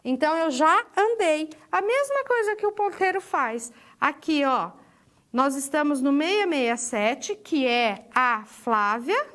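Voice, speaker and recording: High-voiced woman teaching step by step. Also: animated, normal speed, a bit bright. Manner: walks through steps aloud, asking and answering her own questions; peppers speech with "ó" while pointing at a drawing. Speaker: programming teacher. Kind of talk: recorded lecture explaining pointers.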